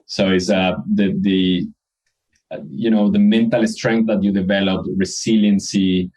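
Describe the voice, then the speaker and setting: An Ecuadorian man, co-founder of a company, answers interview questions earnestly and reflectively, restarting his sentences often. His voice is deep, steady and a little dark, and he takes his time. The audio quality is poor.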